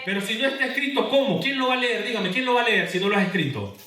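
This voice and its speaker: A man's voice: high-pitched, animated, fast talker, pushed and bright. A man preaching a sermon as a pastor, throwing questions to his congregation and answering them. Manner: preaching with call-and-response questions. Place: church hall. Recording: echoey church hall from far off.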